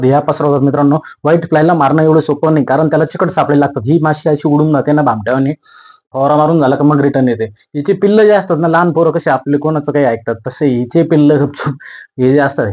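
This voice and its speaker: Young farmer-host, rapid and slightly high-pitched, folksy explainer who repeats himself and acts out bugs. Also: male voice, breathy edge, low-quality recording. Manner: lively, folksy, repeats points, mimics insects. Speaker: farming channel host.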